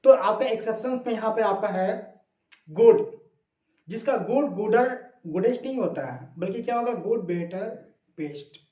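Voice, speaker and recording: Slow, high-voiced male tutor in a roomy room. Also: dull audio. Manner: slow and deliberate, repeats example words, asks questions to listeners. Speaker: English grammar tutor. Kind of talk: classroom-style grammar lesson.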